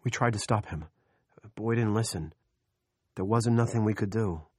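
A man's voice: on the low side, moderate pace, husky, no echo, clean studio sound. A man voicing a frightened, apologetic young soldier in an audiobook.

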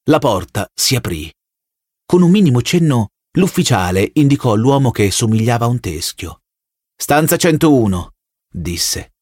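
Man narrating with lively intonation. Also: fairly low pitch, no room sound, clean studio sound. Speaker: audiobook narrator. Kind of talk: scripted narration.

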